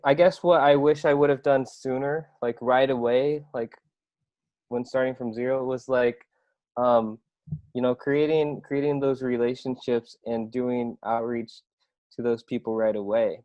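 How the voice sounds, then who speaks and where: A man's voice: medium pitch, darkish tone, dry recording, dull audio. A young man from Iowa talking casually as a podcast guest, loose and rambling, full of "I mean" and "right?". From Iowa, USA. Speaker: podcast guest, marketing agency owner. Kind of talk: casual interview talk.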